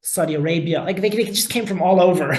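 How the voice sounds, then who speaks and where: A man's voice: high-pitched, a little fast, a little mellow, roomy sound, poor audio. A man teaching a class as a rabbi. He speaks emphatically and often repeats words as he talks. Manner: emphatic, with frequent word repetitions. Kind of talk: class lecture with discussion.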